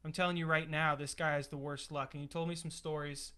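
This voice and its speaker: High, bright-voiced man telling stories. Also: brisk. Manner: animated storyteller, laughs often. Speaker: co-host. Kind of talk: casual chat.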